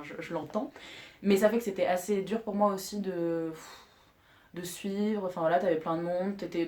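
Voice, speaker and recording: A woman's voice: lowish voice, darkish tone. A young woman vlogger chatting casually to her viewers in a rambling, slangy way with many fillers and restarts. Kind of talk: casual monthly culture recap to camera.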